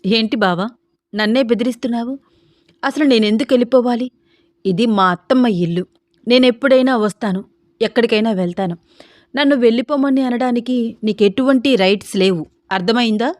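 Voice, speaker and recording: A woman's voice: fairly high pitch, fairly quick, darkish tone, dry recording, clean studio sound, natural voice. Woman voicing a stubborn devoted young woman. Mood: pleading, defiant. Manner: pleading yet defiant.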